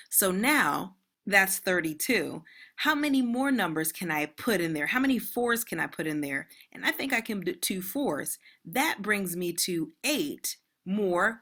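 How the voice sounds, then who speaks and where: A woman's voice: lowish voice, a bit bright. A woman math teacher giving an online lesson in a casual, chatty way, talking straight to her students.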